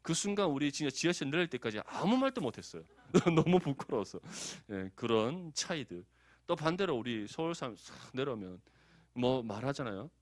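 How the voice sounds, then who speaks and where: A man's voice: medium pitch, normal speed, no room sound. A man from Daegu with a Gyeongsang accent, preaching a conversational sermon as pastor. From Daegu, South Korea. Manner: conversational, animated, asks the congregation for agreement.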